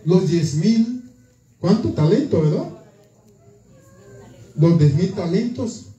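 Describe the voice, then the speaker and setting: A man voicing a pair of tattling servants, gossipy and low-pitched, confiding in a slow, drawn-out way, from across an echoey church. The voice sits well below the preacher's own pitch. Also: lively intonation, mellow, far from the mic, dull audio. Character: fellow servants tattling to their master, men.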